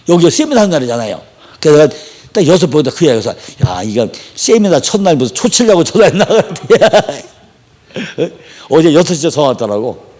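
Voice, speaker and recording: A man preaching with a high, lively voice that leaps up for emphasis and drops low for quiet asides. He talks in a chatty, storytelling way. He keeps checking in with his listeners as he teaches. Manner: animated, swings between high exclamations and low asides, chatty. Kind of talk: sermon.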